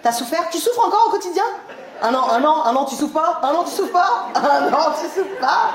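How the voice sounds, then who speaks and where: Woman, stand-up comedian, teasing crowd work, high-pitched, noisy audience. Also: expressive. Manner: teasing, laughing, quick banter with the audience. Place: comedy venue with a live audience. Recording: echoey live room, audience noise.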